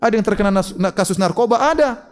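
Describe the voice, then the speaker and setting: Preacher guy, high voice, fiery rhetorical questions, goes loud then soft. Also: animated, fast, big-room sound. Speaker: Islamic preacher. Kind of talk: religious Q&A lecture.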